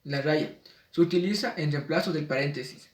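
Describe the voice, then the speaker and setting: A man reads out a spelling lesson in a measured way and slows down for the example words. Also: fairly high pitch, recorded from a distance. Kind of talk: reading a spelling lesson aloud. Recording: echoey room, voice off-mic.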